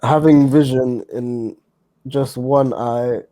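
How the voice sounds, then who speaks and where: A man's voice: medium pitch, fairly even intonation, takes it slowly, a crowd in the background. A young British man co-hosting a casual podcast chat, slangy and jokey. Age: young adult. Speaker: podcast co-host.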